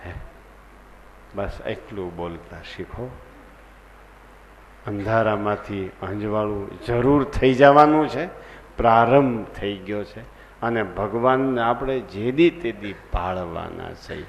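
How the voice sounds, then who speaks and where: A man's voice: on the low side, slow, highs cut off. A man preaching a devotional sermon and telling a story with earnest feeling. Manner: earnest storytelling, acting out the people in his story. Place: large assembly hall. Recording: long hall reverb, faint background noise.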